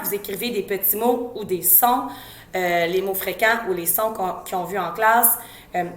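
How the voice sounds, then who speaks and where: A woman with a Québécois French accent, an educator giving parents reading tips in a casual teaching tone, slowly sounding out letters and syllables. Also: mid-range voice, echoey room. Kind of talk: informal instructional talk.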